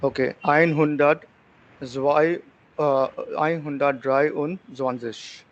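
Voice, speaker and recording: A man's voice: on the high side, steady tone, very slow. A man studying German online, answering hesitantly with fillers. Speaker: student. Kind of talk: online tutoring session. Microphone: video call. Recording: muffled video call with faint noise.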